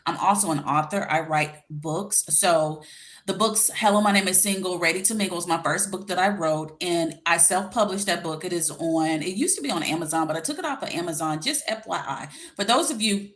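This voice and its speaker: A woman's voice: on the low side, a little fast. A woman in her forties chatting casually to viewers as a life coach on a livestream, with a slight lisp from wearing a retainer and an informal, direct way of talking. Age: 40s. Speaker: life coach and YouTube host. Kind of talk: casual livestream chat giving dating advice.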